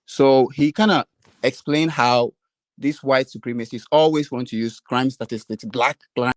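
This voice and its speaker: Male caller from Ghana, polite and halting, heard over a choppy conference call line with a dry sound. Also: mid-range voice, steady tone, dry recording. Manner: polite, halting, with many ums. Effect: conference call line that keeps breaking up. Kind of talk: casual call-in chat.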